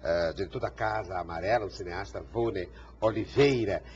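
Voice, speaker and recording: A man's voice: deep voice, moderate pace, darkish tone. A man hosting a TV interview show, introducing and questioning his guest; he rambles and stumbles over repeated words. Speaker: TV talk show host. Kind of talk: TV interview conversation. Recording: dull TV broadcast sound with faint hiss.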